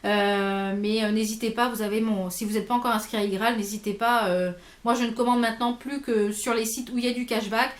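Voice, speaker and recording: Lady rambling through a makeup haul, highish voice, lots of euhs, roomy echo. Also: steady tone, fairly quick, hardly any pauses. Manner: chatty, many fillers and restarts. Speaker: beauty vlogger. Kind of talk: casual haul video chat.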